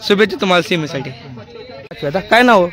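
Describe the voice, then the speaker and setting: A man working as a field reporter, firing off brisk, repetitive questions at a bullock cart race and echoing back the answers. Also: sits high, animated, a bit bright, a faint crowd. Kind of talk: quick roadside interviews.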